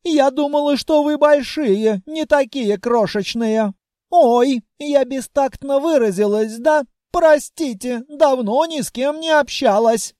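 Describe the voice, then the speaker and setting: A man voicing a timid, polite female dragon who apologizes and chatters in a high, fussy voice. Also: slow, darkish tone, no room sound, clean studio sound. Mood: flustered polite.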